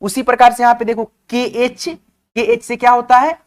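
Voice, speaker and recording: A man's voice: very high-pitched, flat delivery, fairly quick, smooth. Man teaching, checks in with listeners. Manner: repetitive, addresses viewers as friends, checks in often. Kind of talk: online class explanation.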